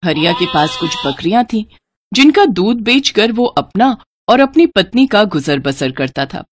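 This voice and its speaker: A woman narrating a moral cartoon story in an expressive storytelling cadence. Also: mid-range voice, measured pace, slight background noise.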